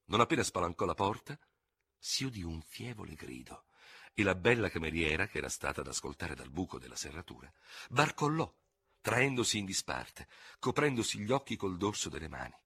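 Husky, forceful male audiobook narrator. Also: sits low, brisk, no echo. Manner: dramatic, expressive storytelling. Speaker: audiobook reader. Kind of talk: scripted narration of a novel.

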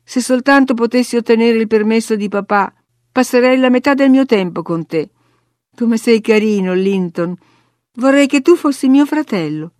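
A woman's voice: on the high side, normal speed, a little mellow, dry recording, clean studio sound, natural voice. Woman doing a hot-tempered young girl. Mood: earnest. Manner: earnest, indignant.

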